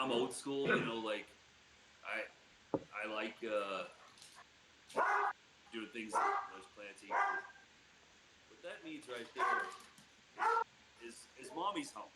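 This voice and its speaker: A man's voice: fairly low pitch, expressive, slow pace, pauses often, background noise. Rambling man in an echoey room. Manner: rambling, laughs often, many fillers. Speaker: podcast co-host. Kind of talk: casual chat.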